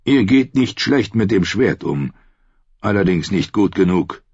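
Man reading as a cynical, mocking knight, deep and husky, dry sound. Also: animated, a little slow, darkish tone, no room sound, full character voice. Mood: sardonic. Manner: dry, sardonic. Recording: dry, slightly dull studio audio.

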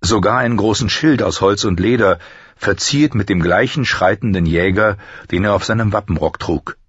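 A man narrating an audiobook with a steady, measured reading. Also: fairly low pitch, breathy edge, no echo, dull audio. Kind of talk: scripted narration.

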